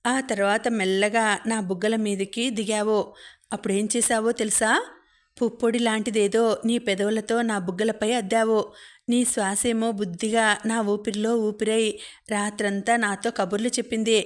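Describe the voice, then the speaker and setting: A woman's voice: mid-range voice, flat delivery, moderate pace, natural voice. A woman reading the lines of a playful, affectionate young man in love, in a spoken storybook. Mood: tender.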